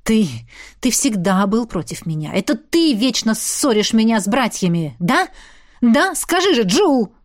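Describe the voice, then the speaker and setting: A woman's voice: mid-range voice, animated, normal speed, close to an everyday voice. A woman voicing a nervous, scheming young man, the red-haired younger brother, who stammers and whines defensively. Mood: defensive, whining.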